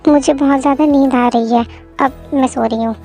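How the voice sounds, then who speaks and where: Brief: woman plays clingy newlywed wife, pleading and teasing, audio drama, high-pitched. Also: fairly even intonation, moderate pace, warm tone, soft background music. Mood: whiny teasing. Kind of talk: Hindi fan audio drama.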